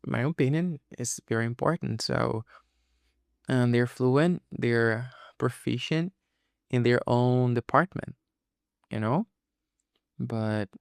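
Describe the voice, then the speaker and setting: An English teacher whose first language is Portuguese hosts a casual solo podcast, explaining things informally and often checking that listeners are following. His mid-range voice is darkish, clear and resonant with some vocal fry, in clean studio sound without echo.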